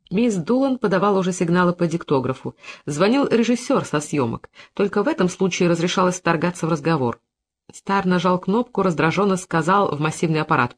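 An audiobook narrator reading literary prose in a measured, expressive way. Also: medium pitch.

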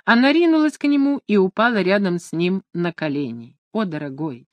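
A measured audiobook narrator reading a romance novel, with a middle-pitched voice. The recording is dry and close, with no room sound at all. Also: sing-song, no echo, dull audio.

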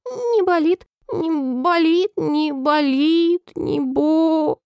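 Shrill whiny old queen from a storybook, squeals and wails, a lady reading doing the voice, dry close sound. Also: drawn-out words, gravelly, no echo, exaggerated voice. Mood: wailing. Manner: wailing, squealing cries, then oddly calm. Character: fretful, whimpering old female queen, very high and shrill.

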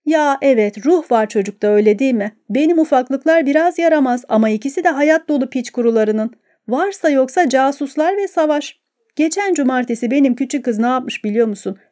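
A woman voicing a boastful, rambling middle-aged man who chats with lively pride in an audiobook. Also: extremely high pitch, brisk. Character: boastful chatty middle-aged male neighbor.

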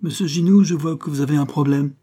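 A seasoned commissioner gives orders with calm authority, as a man reads him in a storybook. His tone is mellow and a little husky, never rushed. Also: medium pitch. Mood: stern. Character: seasoned male police commissioner, calm and commanding.

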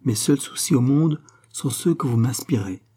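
A man's voice: medium pitch, lively intonation, normal speed, warm tone, slightly rough. A man reading an audiobook voices an earnest young woman, a devoted fiancée who talks in a pleading, insistent way.

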